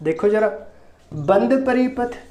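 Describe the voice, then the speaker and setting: A physics teacher giving a recorded lecture, repeating each step and asking quick rhetorical questions to check understanding. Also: mid-range voice, expressive, warm tone. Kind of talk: recorded classroom-style lecture. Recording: roomy echo.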